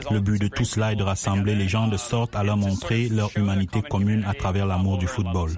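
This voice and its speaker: A man voicing a translated interview in a level, unhurried read. His voice is low and nearly monotone. A crowd is clearly heard behind him. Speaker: voice-over translator. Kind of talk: translated voice-over. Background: crowd noise.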